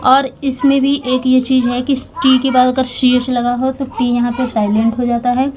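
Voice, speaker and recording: A woman teaching English through a story, explaining slowly and patiently word by word with many pauses and fillers. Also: high voice, little pitch movement, a little mellow, a little hiss or hum. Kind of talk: Hindi-language English lesson reading a story.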